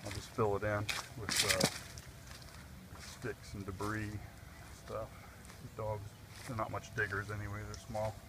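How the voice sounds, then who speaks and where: This man's lowish voice is monotone and a little slow, with frequent pauses and heavy background noise. He's a DIY vlogger working on a fence in a wooded backyard, narrating casually into a handheld camera mic in a practical way and using fillers as he thinks.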